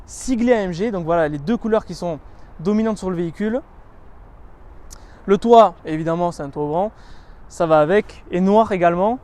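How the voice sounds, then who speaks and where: A car reviewer with a voice that sits high presents a car on a casual walkaround. Chatty and descriptive, he runs through its features, stringing them together with plenty of "donc"s and "euh"s and stressing the things that excite him.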